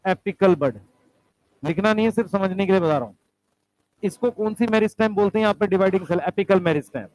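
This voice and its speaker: A man's voice: high voice, fast talker, a little mellow, no echo, rough recording. A male teacher giving a classroom lecture, explaining step by step, asking the students questions and calling them beta and bhai.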